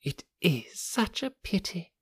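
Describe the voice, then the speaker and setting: A man voicing a smug, oily gentleman blackmailer in a soft, breathy, half-whispered purr, silky and mocking. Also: high-pitched, very animated, takes it slowly, dry recording, clean studio sound, pitched above the performer's own voice, heavily acted. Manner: silky and mocking, lingering on words. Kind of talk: audiobook character reading.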